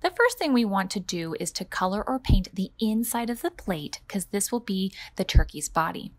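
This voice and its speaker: Very animated and speaking at normal speed in a medium-pitched voice, a woman in her thirties reads a story to small children. As their librarian, she also gives them simple instructions expressively.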